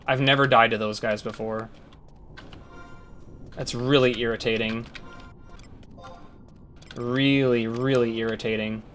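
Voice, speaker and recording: A young man giving casual live commentary as a speedrunner, talking through his moves and breaking into loud outbursts. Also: mid-range voice, steady tone, measured pace, pauses often, faint music behind. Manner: casual, talks to himself, swings to loud outbursts.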